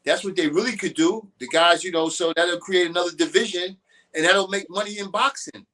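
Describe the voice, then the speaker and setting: On a boxing show, a chatty guest with a somewhat high, sharp-toned voice shares loose opinions, drifting from one point to another. He talks fairly quickly with fairly even intonation, and the recording is rough.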